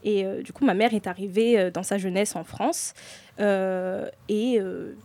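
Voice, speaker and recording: A young woman guides a casual group discussion at a hesitant, stop-start pace. Her voice sits at an ordinary middle pitch. The sound is dry and close. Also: fairly even intonation, a little slow, mellow, no room sound. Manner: hesitant, many fillers. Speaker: discussion leader.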